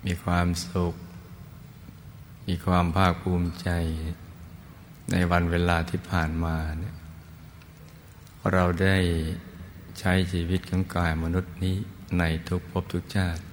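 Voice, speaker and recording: Slow deep-voiced meditation guide. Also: male voice, monotone, slight background noise. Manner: slow, soothing, drawn-out words with long pauses. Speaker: meditation teacher.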